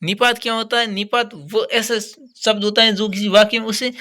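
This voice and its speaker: High-voiced man explaining exam answers. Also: steady tone, moderate pace, bright, forceful tone. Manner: explains patiently, repeating key words. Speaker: teacher.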